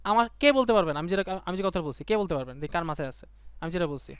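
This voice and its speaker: A young man, teaching a live online class in a quick, colloquial way and quizzing his students. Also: high voice, expressive, smooth, no room sound. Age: young adult. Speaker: online tutor.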